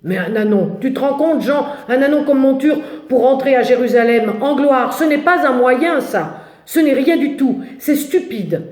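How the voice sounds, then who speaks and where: A woman's voice: high voice, animated, moderate pace, a little mellow. Woman voicing an anxious, grumbling male disciple, echoey. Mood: scornful complaining. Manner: agitated, complaining, exclamatory. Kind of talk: dramatic biblical storytelling. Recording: echoey, roomy sound.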